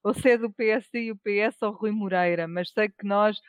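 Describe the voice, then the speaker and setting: A woman's voice: mid-range voice, clean tone, no echo. Hesitant European Portuguese woman commentator. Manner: measured, hesitant restarts. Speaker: political commentator. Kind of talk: panel discussion.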